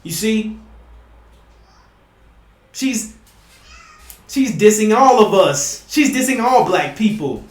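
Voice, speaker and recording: A man preaching emphatically to his listeners, often asking "you see?" and sometimes rising to a shout. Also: high voice, expressive, takes it slowly, pauses often, echoey room. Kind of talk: impassioned preaching monologue.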